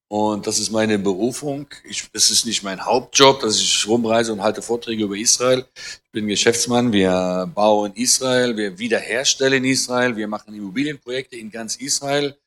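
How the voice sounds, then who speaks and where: A man in his fifties speaks at an ordinary middle pitch, giving a conversational lecture to a church audience. He sounds earnest and preacherly, cites scripture, and often pauses or corrects himself mid-sentence. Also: fairly bright tone. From Germany. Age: 50s. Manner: earnest, preaching with scripture references and light humour; talks with frequent hesitations and self-corrections. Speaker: guest speaker on Israel.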